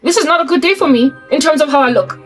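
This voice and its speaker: Over soft background music, a fast-talking, high-voiced South African woman in her 40s delivers a casual ranting monologue to camera. She's emphatic and colloquial, often repeating words or starting them over.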